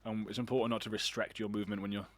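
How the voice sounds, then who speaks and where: A man's voice: on the low side, level tone, very fast, fairly bright tone, a little hiss or hum. A man casting an online shooter match alone, chatty and rambling, with self-deprecating asides. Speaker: esports caster. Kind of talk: solo game commentary.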